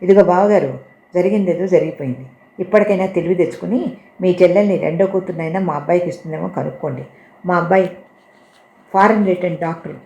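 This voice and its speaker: A woman voicing a pushy middle-aged female relative who talks loudly and insistently, boasting. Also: lowish voice, fast talker, dull audio, natural voice. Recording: roomy echo.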